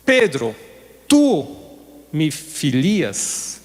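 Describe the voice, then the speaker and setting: A man preaching who voices Jesus as a patient teacher asking questions slowly, in a hall with long reverb. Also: on the high side, very animated. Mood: gently questioning.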